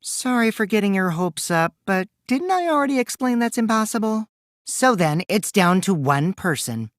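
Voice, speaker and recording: Kokichi Ouma, a wildly expressive boyish trickster. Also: male voice, sits high, moderate pace, dry recording, studio quality. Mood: teasing, sly. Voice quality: boyish, youthful put-on voice. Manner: teasing, theatrical, swinging from singsong to hushed menace. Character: mischievous, childish teenage boy, a compulsive liar and schemer. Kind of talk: English video game voice acting.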